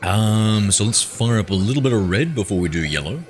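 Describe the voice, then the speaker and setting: A man's voice: on the low side, animated, a little fast. A man, a game streamer chatting casually and bantering with his chat as he reads it aloud. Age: 30s.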